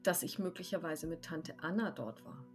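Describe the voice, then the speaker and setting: A woman's voice: low-pitched, normal speed, soft background music. A woman playing her character in a tabletop role-playing game over a video call, with dry, understated quips. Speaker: player.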